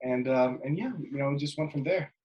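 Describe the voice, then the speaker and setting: A laid-back basketball player from Jordan, the guest in a casual interview chat, talks briskly in a mid-range voice from his bedroom over a webcam call. He rambles with frequent fillers and restarts, and the recording is muffled.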